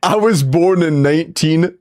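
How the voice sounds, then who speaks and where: A man's voice: a little high, measured pace, a little mellow. A man in his twenties, casually chatting on a livestream, playfully bantering with chat and laughing often. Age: 20s. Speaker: streamer. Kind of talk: casual livestream chat reviewing game accounts.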